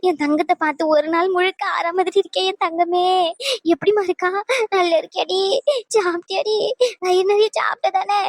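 A woman's voice: sits high, fairly even intonation, fast, fairly bright tone, no echo, clean studio sound. A woman voicing an emotional young mother in a cartoon, defiant and pleading. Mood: tearful. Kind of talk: cartoon voice acting.

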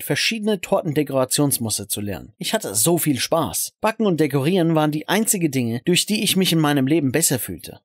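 A young man telling a story in the first person, his voice fairly high and swinging widely in pitch. He narrates with expressive emotion. The recording is dry and close, with no room sound. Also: no echo.

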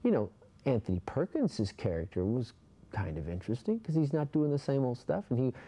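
A man's voice: mid-range voice, big pitch swings, fairly quick, mellow, breathy edge. A young man in a casual interview indoors, talking animatedly and rambling with many fillers. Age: young adult. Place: indoor room.

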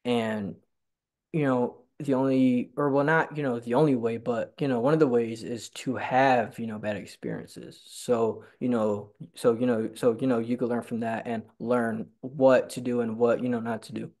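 A young man who stutters is being interviewed casually on a video call from home, near a staircase, using his laptop webcam. His voice sits in the mid range with fairly even intonation, a moderate pace and a slightly mellow quality, and he leans on fillers and repeats words often.

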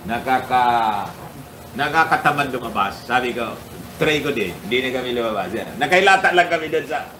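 A man's voice: mid-range voice, lively intonation, a little fast, recorded from a distance, background noise. A man hosting a casual political commentary livestream, chuckling often and greeting his viewers by name. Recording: echoey room.

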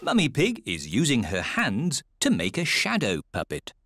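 Low, dry cartoon narrator, woman. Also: wildly swooping pitch, moderate pace, slight background noise. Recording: narration with loud music underneath.

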